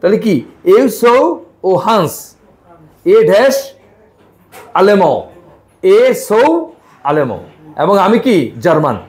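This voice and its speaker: A high-voiced man with a Bangladeshi Bengali accent teaches a live language class. He coaxes his students along, repeats himself and spells words out slowly letter by letter. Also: expressive.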